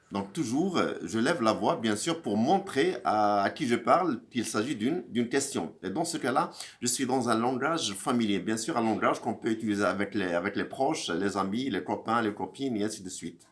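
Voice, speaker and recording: Here the French teacher's voice sits fairly low, with lively intonation, a normal pace, and few pauses. Giving a recorded video grammar lesson, he still hesitates with plenty of fillers and restarts and raises his voice on the sample questions.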